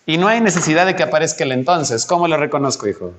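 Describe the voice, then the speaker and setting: A man's voice: a little high, expressive, quick pace, a bit bright, slight background noise. A man tutoring a student through logic exercises, patient and coaxing, asking many questions. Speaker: math tutor. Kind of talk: teaching logic exercises one-on-one.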